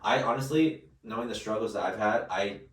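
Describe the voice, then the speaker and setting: A man's voice: fairly low pitch, fairly quick, recorded from a distance. A man in his late twenties co-hosting a casual podcast chat, rambling with many restarts and fillers. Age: late 20s. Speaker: podcast co-host. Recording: roomy sound, mic set back.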